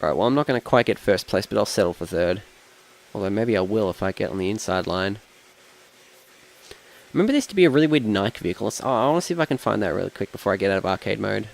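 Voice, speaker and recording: A man's voice: fairly low pitch, lively intonation, quick pace, gravelly. A young Australian man casually commenting on a racing game while he plays, rambling and thinking aloud, often trailing off mid-sentence. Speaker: streamer.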